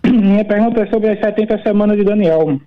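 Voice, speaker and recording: High-voiced man calling in over a tinny phone line. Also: fairly quick. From Recife, Pernambuco, Brazil. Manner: earnest, methodical questioning. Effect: heard over the phone line. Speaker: caller. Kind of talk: call-in question to a pastor.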